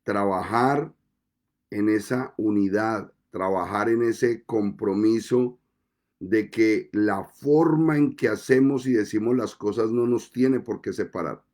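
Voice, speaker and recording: A male pastor delivers his sermon at an unhurried, deliberate pace. His voice is mellow and dark-toned, and he lets pauses settle between phrases. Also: fairly low pitch. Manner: slow, deliberate preaching with measured pauses.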